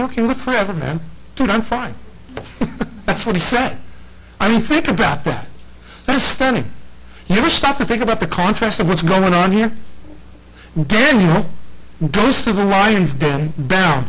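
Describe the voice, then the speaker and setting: A man's voice: sits high, poor audio. A man preaching a casual sermon, retelling scripture with playful acted-out voices and frequent laughter. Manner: animated storyteller, acts out lines in slangy voices, laughs often.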